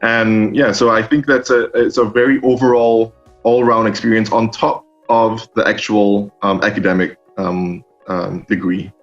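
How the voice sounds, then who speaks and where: Young male student from Singapore, low-pitched, hesitant, faint music under a dull recording. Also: level tone, normal speed. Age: young adult. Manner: hesitant, many ums and restarts. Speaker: master's student. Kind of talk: interview answers.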